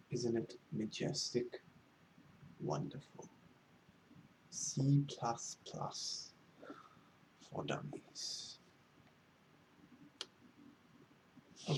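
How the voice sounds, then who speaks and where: Man playing a pompous, creaky whispering librarian, whispered role-play. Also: medium pitch, background noise, exaggerated voice. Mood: pompous enthusiasm. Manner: pompous, halting, theatrically wordy. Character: pretentious, fussy male librarian, condescending yet needy. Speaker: ASMR role-play performer.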